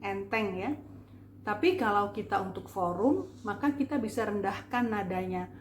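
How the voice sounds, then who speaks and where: A woman teaching public speaking in a friendly, chatty spoken lesson, explaining slowly and deliberately. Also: mid-range voice, animated, roomy sound, slight background noise. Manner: slow, deliberate explaining with vocal demonstrations; casual, chatty Indonesian with fillers.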